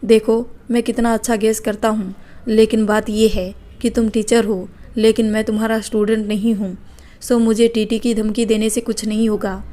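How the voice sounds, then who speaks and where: A woman's voice: fairly high pitch, level tone, moderate pace, mellow, close to an everyday voice. Woman playing a cheeky, teasing young man. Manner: cheeky, joking banter.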